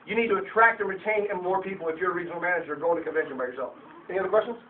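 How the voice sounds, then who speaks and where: A man with a high voice rattles through a blunt motivational Q&A talk to his sales team, tripping over his own restarts as he gets worked up. He is heard from across a meeting room. The camera audio is tinny, phone-like and faintly hissy. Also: racing, distant mic.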